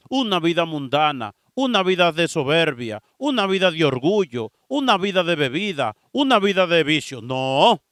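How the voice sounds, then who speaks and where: A man's voice: sits high, clear, resonant tone, dry recording, clean studio sound. A priest preaching a sermon, telling Bible stories and speaking straight to his listeners. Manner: preaching with lively storytelling, acting out dialogue; addresses listeners directly.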